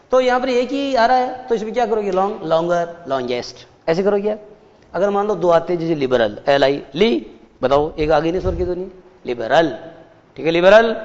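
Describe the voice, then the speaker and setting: A man with an Indian accent teaching an English class in Hindi and English. He explains step by step and asks his students questions. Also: high-pitched. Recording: dull sound with long reverb.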